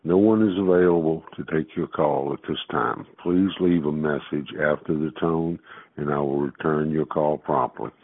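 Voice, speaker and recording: Man, low voice, slow formal voicemail greeting, over a landline phone, tinny narrow sound. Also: fairly even intonation, no room sound. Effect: heard over a landline phone. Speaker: phone owner recording a greeting.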